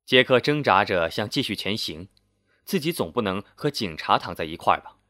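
A man narrating a scripted story in a steady, measured storytelling manner. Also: on the low side, no room sound, studio quality.

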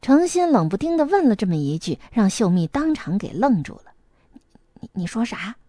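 A woman narrating a novel in a lively storytelling voice. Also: medium pitch, a little fast, no room sound.

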